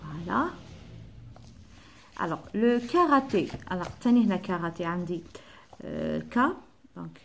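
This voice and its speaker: A woman primary school teacher, slowly spelling out letters and sounds from a workbook and slipping into Arabic dialect. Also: fairly low pitch, animated, gravelly, slight background noise. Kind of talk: workbook lesson for children.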